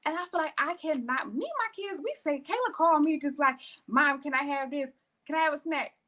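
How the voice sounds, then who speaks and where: Woman in her thirties, high voice, loose rambling podcast talk. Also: brisk. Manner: warm-hearted, rambling, laughs while talking. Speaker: podcast co-host. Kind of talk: casual chat.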